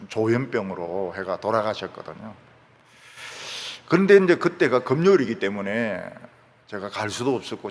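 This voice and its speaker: A man pastor gives a dramatic sermon, dropping to soft asides and then rising to shouts. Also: lowish voice. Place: church sanctuary. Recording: reverberant church hall.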